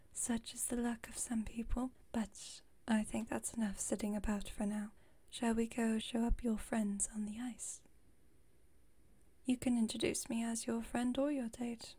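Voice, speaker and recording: Smug and playful, a woman voicing a haughty vampire whispers in a breathy, mellow tone at a fairly high pitch and measured pace. Her fairly even delivery offers formal, wry teasing with a protective streak, in the style of an intimate ASMR roleplay.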